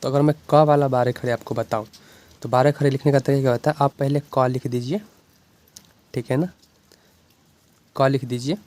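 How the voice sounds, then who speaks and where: A man with a Bihari Hindi accent teaches a beginner's lesson in a medium-pitched, darkish voice, steady in tone and moderate in pace with long pauses. He explains step by step, patiently and repetitively, often saying "ठीक है ना" to check the viewer is following.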